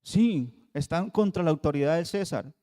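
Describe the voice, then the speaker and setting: A man's voice: a little high, animated, warm tone. Man preaching in a reverberant hall. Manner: rhetorical questions, emphatic pauses. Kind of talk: radio sermon teaching.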